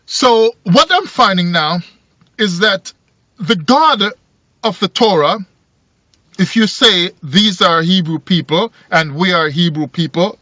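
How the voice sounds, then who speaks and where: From a parked car, a man in his forties raised in Jamaica thinks out loud to camera as a video commentator, rambling and going over things again. He speaks in a high-pitched, bright, forceful voice. His dashboard phone or camera records dull lo-fi car sound with no echo.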